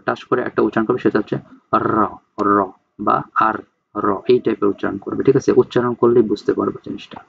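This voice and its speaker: A male teacher gives a casual spoken lecture. He keeps checking in with his students and reads terms slowly before explaining them. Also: medium pitch, vocal fry, narrow, tinny audio, a little hiss or hum. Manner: explains slowly, often checks in with "ঠিক আছে?".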